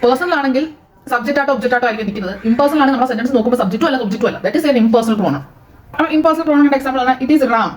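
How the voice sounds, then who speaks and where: A Malayali-accented woman teacher talks through a grammar lesson at a very quick clip. Her voice sits a little high. She throws questions at the class and answers them herself, slipping English phrases into her explanation.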